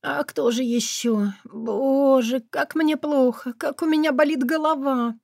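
A woman voicing a blunt, teasing young woman friend who is hungover and whiny, with a hoarse voice, in an audiobook. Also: on the high side, expressive, a little slow, fairly bright tone, dry recording, clean studio sound. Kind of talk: audiobook character voice.

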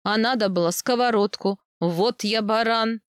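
A woman's voice: a little high, normal speed, clean tone, no room sound, clean studio sound, lightly acted. A woman voicing a young steppe man, a proud and possessive husband who speaks curtly through his teeth. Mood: jovial. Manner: curt, through gritted teeth.

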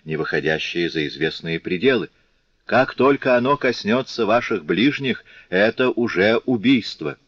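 A man's voice: sits low, dry recording. A man voicing a compassionate male revolutionary who earnestly pleads with his comrades, in a dull, lo-fi recording.

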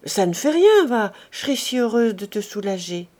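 A woman reading aloud, voicing a caring young woman who speaks gently and earnestly, growing urgent with worry. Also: mid-range voice, very animated, normal speed, natural voice. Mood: tender. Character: caring young woman, anxious but tender.

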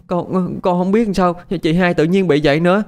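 A man's voice: a little high, measured pace, a little mellow, pitched above the performer's own voice, lightly acted. A man voicing a timid little village girl who pleads anxiously. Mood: bewildered.

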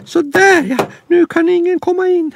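A man's voice: very high-pitched, fairly even intonation, vocal fry, background noise, pitched above the performer's own voice. A man voicing a timid young male rabbit in a storybook reading, talking in a fretful, fearful way.

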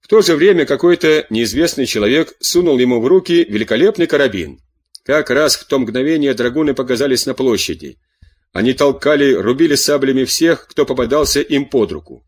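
Man narrating a novel, measured. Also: medium pitch, breathy edge. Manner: steady, measured reading. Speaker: audiobook narrator. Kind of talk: scripted narration of a classic novel.

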